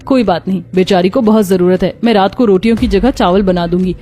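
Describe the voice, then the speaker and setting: The female roles of this Hindi cartoon story, from mother-in-law to daughter-in-law to neighbors, all come from one voice actor. Her medium-pitched voice is mellow and fairly quick, and faint music can be heard in the background.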